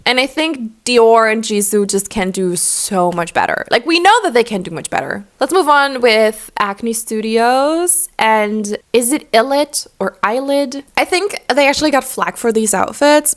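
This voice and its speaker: A woman's voice: a little high, a bit bright. A woman in her twenties chatting casually and giving frank opinions, with many "like" fillers. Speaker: YouTuber. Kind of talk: casual chat. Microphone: laptop.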